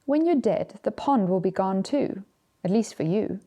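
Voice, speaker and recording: A storyteller voicing Death as a calm, kindly, matter-of-fact male figure who gently teases, in a children's storybook. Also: mid-range voice, normal speed, natural voice. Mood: calm certainty.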